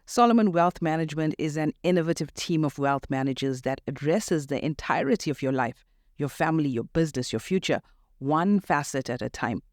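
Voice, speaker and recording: A woman with a South African Indian accent, hosting a finance podcast in a conversational, animated way that speaks directly to listeners. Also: low-pitched, a little fast, no room sound, studio quality. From Durban, South Africa. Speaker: podcast host and wealth advisor.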